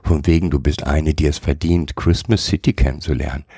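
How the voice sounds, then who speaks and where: A man doing a croaky, slangy little gnome. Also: very deep voice, fairly even intonation, fairly quick, warm tone, no room sound, clean studio sound, exaggerated voice. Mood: grumpy, cheeky. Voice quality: croaky, says "ey" constantly. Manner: brash, rude street slang. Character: cheeky little fat male gnome, slangy.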